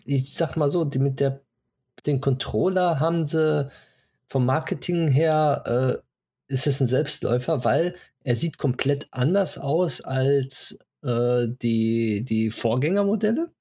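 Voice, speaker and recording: Male podcast co-host, husky, mid-pitched, chatty and hesitant. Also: a little slow, warm tone. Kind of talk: casual chat.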